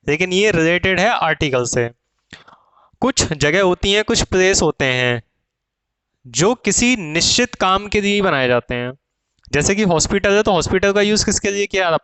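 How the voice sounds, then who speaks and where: A man's voice: high-pitched, a bit bright, clear, resonant tone, no echo, poor audio. A man teaching grammar to students, asking questions and answering them himself.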